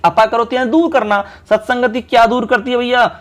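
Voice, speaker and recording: In a casual online coaching class for exam prep, a male Sanskrit teacher with a fairly high, steady voice explains exam questions quickly and warmly. Brisk and chatty, he speaks directly to his students, calls them friends, and slows down to count syllables and stress each correct answer.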